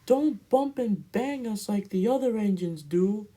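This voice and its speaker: A man voicing polite, careful railway coaches from a children's storybook, with a courteous, gently admonishing manner. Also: sits high, expressive, unhurried, pitched above the performer's own voice. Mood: cautioning.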